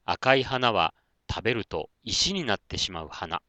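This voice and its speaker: Man doing a big snake, slow and drawn out, storybook, dry sound. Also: fairly low pitch, animated, pushed and bright, dry recording. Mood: friendly. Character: big snake, gruff at first, then kindly.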